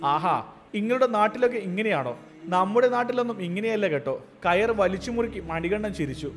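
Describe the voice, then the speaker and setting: A man with a high, light voice tells an emotional story in a scripted, earnest manner. Quiet music plays softly beneath his narration. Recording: soft music behind the voice.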